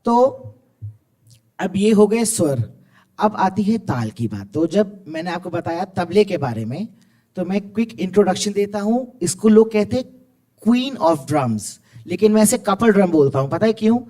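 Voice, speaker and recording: A man with an animated, encouraging manner, teaching tabla to students in a school hall. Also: sits high, normal speed. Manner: animated, encouraging, recites tabla syllables aloud. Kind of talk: lively school music workshop. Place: school hall with live music.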